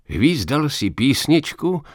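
A man reading a story aloud in first person, with expressive, measured narration. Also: mid-range voice, no echo, studio quality.

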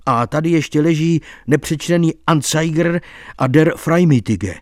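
A man's voice: fairly high pitch, no room sound, clean studio sound, pitched above the performer's own voice, close to an everyday voice. A man reading an audiobook voices an earnest, insistent male doctor telling of a ghostly night. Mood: impatient.

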